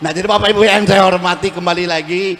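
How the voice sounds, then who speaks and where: A middle-aged man, preaching a humorous religious sermon with shouts for emphasis and acted-out quotes. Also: sits high, fairly even intonation, quick pace, long reverb tail.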